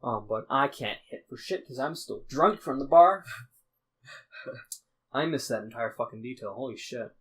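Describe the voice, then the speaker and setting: A man's voice: mid-range voice, animated, measured pace, pauses often, slightly rough, poor audio. Rambling, profane young man recapping a game. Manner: rambling, profane, restarts often; acts out characters' lines in snippets. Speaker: podcast host recapping a tabletop game. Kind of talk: casual storytelling recap.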